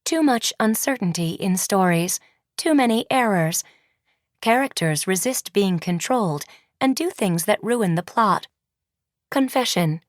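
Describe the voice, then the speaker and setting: A woman's voice: mid-range voice, dry recording, clean studio sound, lightly acted. A woman voicing a cold, clipped ghostly headmistress. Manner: clipped, commanding, announces each remark with a one-word label. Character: cold colorless female school founder made of words.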